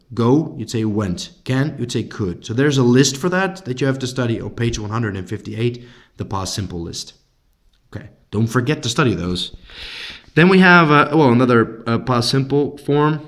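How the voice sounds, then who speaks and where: A man with a Dutch accent teaching English grammar in a recorded lesson for his students. He explains each point patiently and step by step, with frequent fillers. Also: medium pitch.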